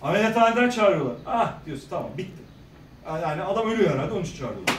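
Speaking fast in a high voice, a middle-aged career-day guest animates his stories for students, performing quoted characters and trading jokes with the audience. The large school hall echoes, he stands well away from the microphone, and there's slight background noise.

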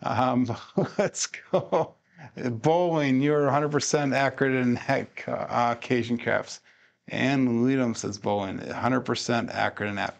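Male vlogger, gravelly voice, tired, chatty self-coaching commentary. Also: medium pitch. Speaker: craps practice streamer. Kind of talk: casual solo commentary while practicing.

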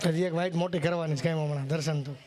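A man's voice: a little high, steady tone, rapid-fire. A man telling jokes live on stage, teasing the crowd and checking they follow. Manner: chatty, teasing the crowd, asks "samjya?". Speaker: stage comedian. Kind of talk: live folk comedy storytelling.

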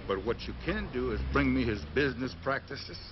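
A man doing smug threatening agent, taunting menace, dull lo-fi TV sound, steady hiss. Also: medium pitch, brisk, lightly acted. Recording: dull lo-fi TV audio with noise.

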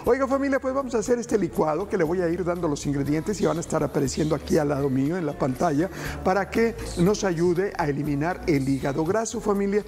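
Talking fast and animated in a high-pitched voice, a middle-aged cooking-show host walks viewers through a recipe while faint music plays. He addresses his audience as family and hands out gentle, folksy advice from the studio kitchen.

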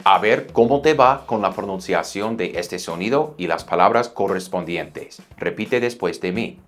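Male pronunciation teacher, very low voice, slow and patient drills over soft background music. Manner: patient, drills words slowly for learners to repeat. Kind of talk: online language lesson.

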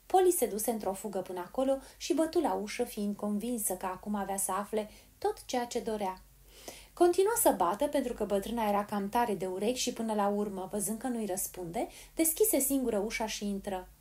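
A woman narrating a children's story aloud, clear and expressive. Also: mid-range voice. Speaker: story reader. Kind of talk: audiobook narration.

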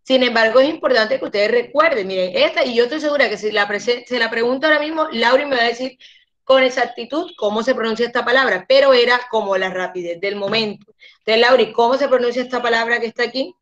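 A woman with a fairly high voice runs an English lesson over a call. She is patient and drags words out slowly when she models how they should sound. The audio comes through muffled and lo-fi. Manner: patient, slows down to model pronunciation. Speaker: English teacher. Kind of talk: online class instruction.

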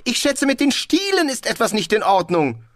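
A man's voice: extremely high pitch, huge pitch swings, normal speed, a bit bright, dry recording, clean studio sound, pitched above the performer's own voice, exaggerated voice. A man reading an audiobook, voicing a naive, trusting male tourist who asks eager, wide-eyed questions.

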